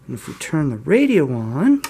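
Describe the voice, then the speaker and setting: This is a hobbyist video host whose voice is fairly high and creaky, moving at a normal speed. He chats informally through a hands-on demonstration, wandering off a little and making light of himself. You can hear a steady mains hum, room noise, electrical hum, and faint static.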